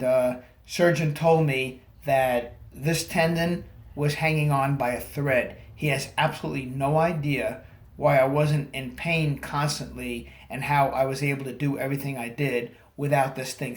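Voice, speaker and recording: Slightly groggy man in an echoey room. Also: medium pitch. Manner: slightly groggy after surgery, halting delivery. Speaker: vlogger. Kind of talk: casual personal video diary to camera.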